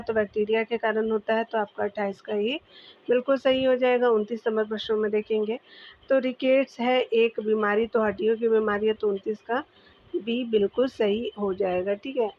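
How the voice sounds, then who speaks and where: Woman teacher with a Bihari Hindi accent and a slightly high voice, walking calmly through exam answers on a muffled lo-fi recording. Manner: steady, repetitive, addresses viewers as dear. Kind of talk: exam quiz answer walkthrough. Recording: dull lo-fi recording.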